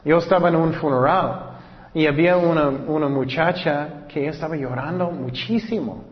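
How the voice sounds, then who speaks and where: A man delivers a sermon, reading Bible verses slowly and urging his listeners earnestly. His voice sits a little high and carries a long hall reverb. The recording is dull and lo-fi. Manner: reads verses slowly, then exhorts earnestly. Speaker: preacher.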